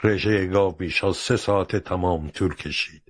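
Deep guy reading a storybook, steady and even, dry close sound. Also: no echo. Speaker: narrator. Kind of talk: storybook narration.

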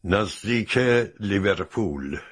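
A man voicing a composed gentleman traveler in a storybook reading, speaking calmly and evenly. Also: low voice, breathy edge. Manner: calm and unhurried.

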